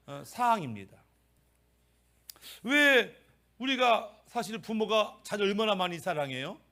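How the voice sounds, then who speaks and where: A man's voice: very high-pitched, pushed and bright. A middle-aged male pastor preaching a sermon, emphatic and full of rhetorical questions.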